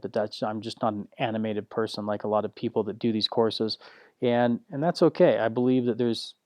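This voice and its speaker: Male course instructor: slow, flat-affect, not salesy, restarts a lot; dry close-mic read. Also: clear, resonant tone, dry recording. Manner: slow, low-key, unanimated delivery; frequent restarts and filler words. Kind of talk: recorded course lesson.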